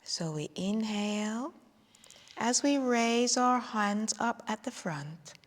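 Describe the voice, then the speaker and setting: A woman leading a guided meditation and qigong session, speaking slowly and soothingly and drifting into soft whispers. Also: on the high side, expressive. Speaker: qigong instructor. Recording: long hall reverb.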